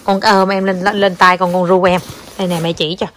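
A young woman, a mother playing at home with her small child, coaxing and chatting quickly and now and then singing soft lullaby lines. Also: on the low side, level tone. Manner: fast, coaxing talk with soft sung lullaby bits. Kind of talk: casual home chat with a child.

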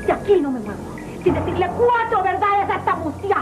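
An actress playing a jealous, hot-tempered scheming wife with the venomous, theatrical delivery of a telenovela villain. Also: female voice, very high-pitched, lively intonation, brisk, heavy background noise. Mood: enraged, threatening. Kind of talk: melodramatic telenovela acting. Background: loud dramatic music.

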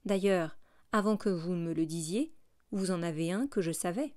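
A woman reading a kind, gentle older male bishop who speaks softly and calmly in an audiobook. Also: fairly low pitch, normal speed, no echo, clean studio sound, natural voice. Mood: gentle, welcoming.

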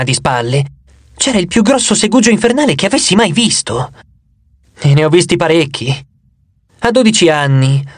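A man narrating an audiobook in the first person, with expressive, dramatic storytelling. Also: a little high, dry recording.

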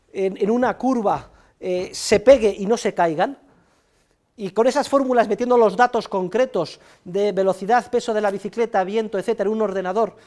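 Lively Spanish professor lecturing a class. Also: male voice, high voice. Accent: Spanish from Spain. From Spain. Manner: lively, repeats key points, tags phrases with "¿eh?", scolds students directly. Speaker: economics professor. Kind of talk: university lecture. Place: university classroom.

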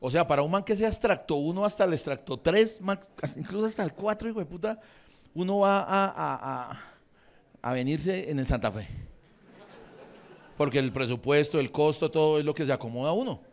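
Rowdy stand-up from a man in his forties with a Bogotá accent, swearing freely and teasing the crowd as he riffs. His voice sits a little high for a man. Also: moderate pace. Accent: Bogotá Spanish. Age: 40s. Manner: crude, swearing, bantering with the audience. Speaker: stand-up comedian. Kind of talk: improvised stand-up crowd work. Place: comedy venue with a live audience.

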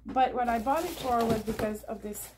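A middle-aged woman talks at a normal speed to a tabletop camera at home, showing her thrift and yard sale haul in a casual, rambling chat full of fillers. Her voice is a little high, and there is background noise in her living room.

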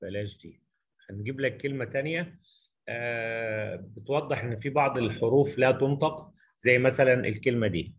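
A middle-aged Egyptian Arabic-accented man teaching English in a recorded lesson. His pitch sits in the middle range for a man. He poses rhetorical questions and talks through examples as he writes them out for the student. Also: a little fast.

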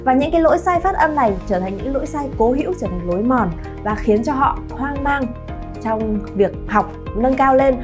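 A woman in her thirties teaching pronunciation to her viewers, lively and drawing out sounds to model them. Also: high-pitched, normal speed, music in the background. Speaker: Chinese teacher, channel founder. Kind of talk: pronunciation lesson to camera.

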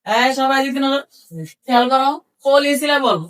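A woman's voice: sits high, fairly even intonation, normal speed, fairly bright tone, distant mic. A woman teaching English reading to a class, spelling words out letter by letter and asking questions that she then answers herself. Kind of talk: classroom lesson.

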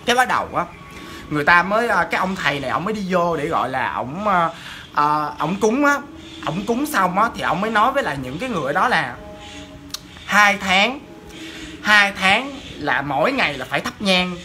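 A woman telling a ghost story in a chatty, animated way, talking straight to her listeners. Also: on the low side, brisk, soft background music.

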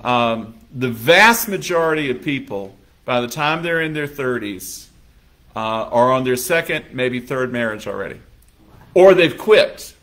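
In a church sanctuary, a pastor preaches a sermon in a conversational manner, his voice a little high, pushed, and bright. Now and then he acts out small scenes using quoted voices.

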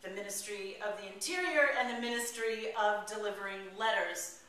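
A middle-aged woman with a mid-range voice reads satirical news headlines from a script in a deliberate, expressive way, rehearsing a mock newscast. A distant camera mic catches her in an echoey room with faint noise, with a small group of colleagues present.

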